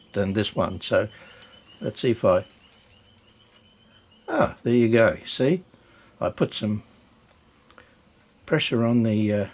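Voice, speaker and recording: Thinking aloud in a halting, hesitant way, a man with a voice on the low side hosts a hobbyist video, giving a casual, unscripted hands-on demonstration.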